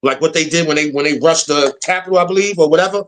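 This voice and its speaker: An American political commentator delivers a blunt, slangy, casual opinion rant, repeating his points for emphasis. His voice is a little high and he talks fast.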